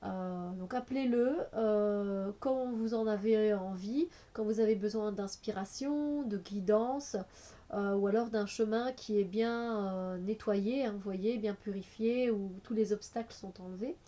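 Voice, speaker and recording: A woman's voice: medium pitch, a little slow, dark tone. A woman with a cold, reviewing an oracle card deck in a casual, hesitant way with many fillers. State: has a cold.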